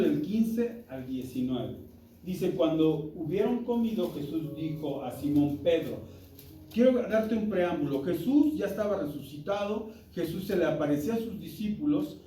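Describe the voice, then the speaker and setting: Roomy, higher-voiced man teaching scripture. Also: dark tone. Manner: conversational and emphatic, quizzing the congregation. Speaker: Bible class teacher. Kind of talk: interactive church Bible lesson. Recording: roomy hall, distant mic, music behind.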